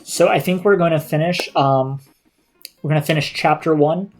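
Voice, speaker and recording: A man's voice: a little high, moderate pace. A man giving casual live gameplay commentary as a streamer, indoors over game audio. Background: game music.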